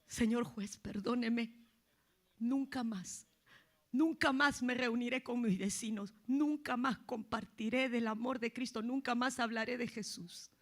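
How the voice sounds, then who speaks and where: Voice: mid-range voice, steady tone, a little slow, lightly acted. A preacher voicing a woman prisoner who is the mother of a young girl, in a sermon story. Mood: pleading.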